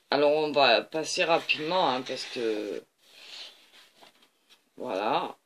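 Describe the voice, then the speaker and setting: A man's voice: mid-range voice, fairly bright tone, a little hiss or hum. A man hosting a craft channel, leafing through a paper pad on camera and gushing over each page with repeated little compliments and fillers.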